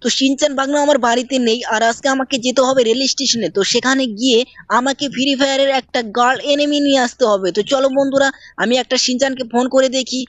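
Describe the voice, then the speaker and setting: A woman narrates a mobile game video, chatting casually and speaking directly to her viewers while doing character voices. Her voice sits high with a steady tone, she talks fast, and the recording is dry.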